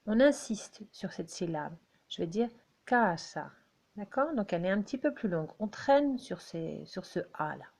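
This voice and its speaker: A woman's voice: mid-range voice, expressive, darkish tone, breathy edge. A woman whose first language is French, teaching beginners at a whiteboard, patient and checking in often with her class. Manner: slow, patient, checks in with "d'accord?". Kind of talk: explaining at a whiteboard. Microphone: handheld camera.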